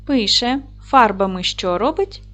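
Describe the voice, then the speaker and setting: A woman teaching a recorded lesson for young children, speaking clearly and slowly with encouraging praise. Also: medium pitch, animated, pushed and bright. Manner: clear, slow, encouraging classroom delivery. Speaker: primary school teacher.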